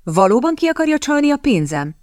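A woman voicing a naive young gentleman in an audiobook, lifting her voice into a higher, wavering register. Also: sing-song. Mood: indignant.

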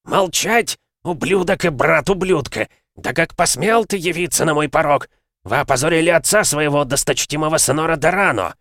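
A man's voice: on the low side, a little fast, few pauses, fairly bright tone, dry recording, clean studio sound, lightly acted. A man voicing an enraged older lord of a castle, roaring and bellowing.

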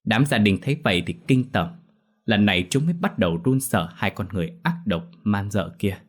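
A man telling a ghost story with steady, dramatic scripted narration. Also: fairly low pitch, brisk. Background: faint music.

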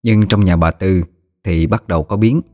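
Deep-voiced man telling a ghost story. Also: normal speed, a little mellow, no echo, clean studio sound. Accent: Southern Vietnamese.

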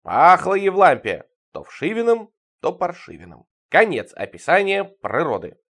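A man reading a surreal story aloud in a wry, deadpan manner. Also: high-pitched, measured pace. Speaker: reader. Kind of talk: dramatic audiobook reading.

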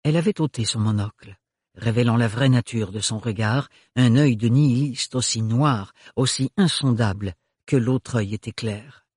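A man narrating a novel in a steady, measured way. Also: mid-range voice, slightly rough, no echo, clean studio sound. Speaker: audiobook narrator. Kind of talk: scripted narration.

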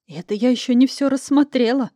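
A woman reading a first-person novel aloud in a measured storytelling manner. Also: high voice, dark tone, dry recording, clean studio sound. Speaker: audiobook narrator. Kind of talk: first-person audiobook narration.

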